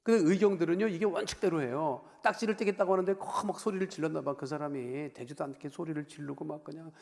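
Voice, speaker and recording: A man preaching a sermon as pastor, talking conversationally, putting questions to the congregation and moving between raised emphasis and quiet asides. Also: a little high, quick pace, creaky. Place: church sanctuary. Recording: long reverb of a large church hall.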